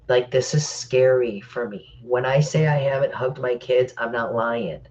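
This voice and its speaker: A woman's voice: extremely low pitch, unhurried, darkish tone, muffled recording. Stuffy-voiced middle-aged woman, hesitant. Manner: hesitant, many fillers, reads comments aloud. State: stuffy from crying. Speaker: live Q&A host. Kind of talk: casual live-stream Q&A.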